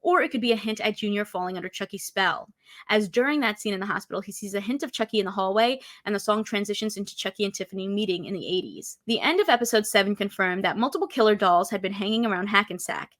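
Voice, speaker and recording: A woman's voice: medium pitch, animated, fast talker, fairly bright tone, dry recording, studio quality. A woman presenting a scripted pop-culture video as a narrator.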